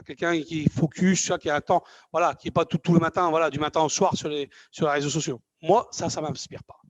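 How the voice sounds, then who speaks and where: A man's voice: fairly high pitch, no room sound, poor audio. Emphatic motivational speaker, man. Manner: emphatic and repetitive, with fillers like "ok" and "d'accord". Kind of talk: live motivational talk to an audience.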